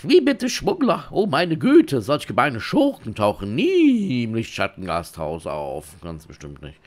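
A man reading game dialogue aloud in character as a shifty, smooth-talking male smuggler innkeeper, with theatrical, wheedling, mock-innocent delivery. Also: medium pitch, huge pitch swings, measured pace, voice pushed up. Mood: sly.

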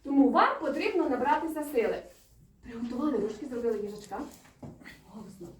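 A woman's voice: high-pitched, expressive, quick pace. A woman preschool teacher reading riddles, praising and guiding small children through a lesson and chanting rhymes. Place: kindergarten classroom. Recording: roomy, far from the mic, with music behind.

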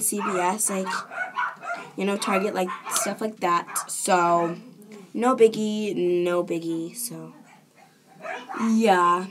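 A teenage girl chatting casually to camera in a home vlog, rambling with lots of fillers. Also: medium pitch. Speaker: vlogger. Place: home bedroom. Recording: noisy home recording, dogs barking. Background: dogs barking.

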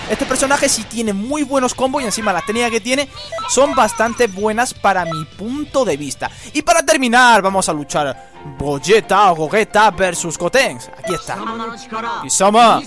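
Young male let's-player from Spain, high and rapid, loud game music under him. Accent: Spain Spanish. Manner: rapid, jokey, exclamatory, swears often. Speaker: gameplay commentator. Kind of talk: excitable let's-play commentary. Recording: game music playing behind.

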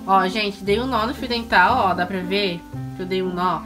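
A woman's voice: medium pitch, normal speed. A woman in her thirties, a mother filming her daughter at home from behind the camera, chatty and instructive as she coaxes the child and talks to viewers. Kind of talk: casual family vlog talk to viewers. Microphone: camera mic, speaking from behind the camera. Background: background music.

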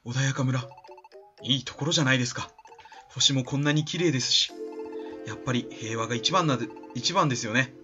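A man voicing a calm, polite and mysterious adult male team leader in a game, in soft, composed tones. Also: mid-range voice, brisk, music in the background, lightly acted. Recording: slightly dull lo-fi recording.

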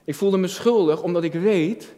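A junior pastor in his early thirties delivers a personal, reflective sermon from a lectern on an indoor church stage, filmed from a distance. His voice is high and dark-toned at a moderate pace, earnest as he repeats phrases for emphasis and poses rhetorical questions. A long hall reverb trails his words.

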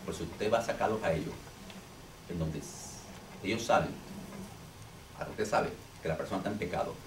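A deliverance minister teaches a small group informally, repeating himself and checking in with "ok?" and "understand?". His voice sits low and moves a little fast, captured on a distant mic in a noisy, echoey room.

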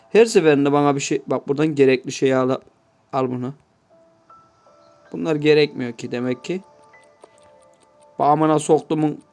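A man's voice: on the high side, darkish tone. A man giving casual gameplay commentary, swearing constantly and grumbling to his viewers in mock-offended asides. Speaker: gameplay YouTuber.

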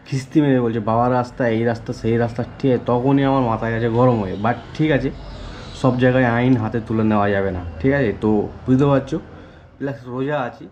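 A man, a delivery rider talking casually to his camera in a rambling way and filling his pauses with "okay". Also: medium pitch, a little mellow, muffled recording, slight background noise. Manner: rambling, keeps saying "okay" as a filler. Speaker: food delivery rider vlogger. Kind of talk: casual vlog talk to camera.

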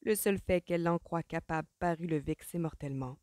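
This audiobook reader delivers scripted narration in a measured, expressive style. Her slightly low voice sounds mellow, recorded dry and close to the mic.

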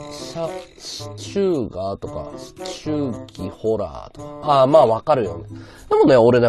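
A man's voice: mid-range voice, mellow. A man streaming live, chatting casually and answering his viewers' comments aloud. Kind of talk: casual livestream chat.

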